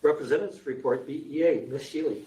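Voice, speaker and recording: A man chairing a school board meeting, his voice raspy after surgery, joking and casual. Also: on the high side, fast talker, warm tone. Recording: echoey room, distant mic, faint noise.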